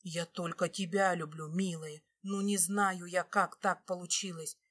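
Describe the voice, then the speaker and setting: A woman reading an audiobook voices a remorseful adult husband who begs his wife in a lowered voice, then whispers to her. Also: steady tone, unhurried, fairly bright tone. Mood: frantic pleading.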